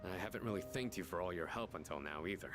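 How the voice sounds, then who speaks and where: Man playing a low, earnest young anime boxer. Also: fast talker, close to an everyday voice. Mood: grateful, helpful. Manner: resolute, plain-spoken. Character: earnest, determined teenage boxer in anime game. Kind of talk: dubbed anime game dialogue. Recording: loud music over the dialogue.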